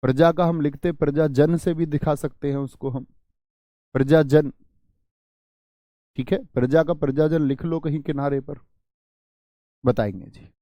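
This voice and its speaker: A male teacher giving an exam-prep grammar lesson, stressing and repeating example words in a drawn-out way. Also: fairly high pitch, steady tone, dark tone, no echo, lo-fi sound.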